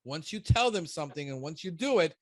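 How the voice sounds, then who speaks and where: A man's voice: a little high, expressive, a little fast, dry recording, studio quality. A man in his fifties, a business consultant, giving blunt and emphatic one-on-one coaching. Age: 50s. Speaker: pest control business consultant.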